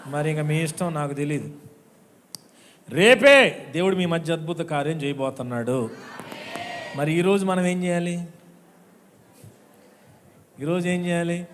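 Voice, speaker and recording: With slight background noise behind him, a man whose voice sits high preaches a sermon at a watch night service. This Andhra Telugu-accented pastor quizzes the congregation aloud and performs the voices of those he quotes.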